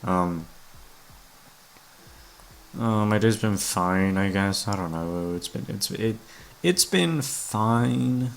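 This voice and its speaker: A young voice actor and channel creator rambles casually to his listeners, hesitant, sweary, and self-deprecating. His gravelly, lowish voice takes things slowly, with long pauses, over soft background music.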